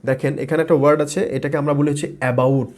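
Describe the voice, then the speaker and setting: Fast-talking male pronunciation teacher. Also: fairly high pitch, fairly even intonation, a little mellow. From Bangladesh. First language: Bengali. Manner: fast, repetitive teaching with fillers and modeled words. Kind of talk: explanatory video lesson.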